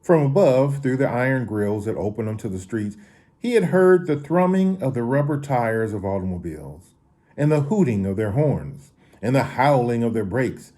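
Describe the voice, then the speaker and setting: A man reads a children's story aloud with a warm, mellow voice. His pitch rises and falls expressively, and he sometimes backs up to reread a line. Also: normal speed. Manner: expressive reading with occasional restarts. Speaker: story reader.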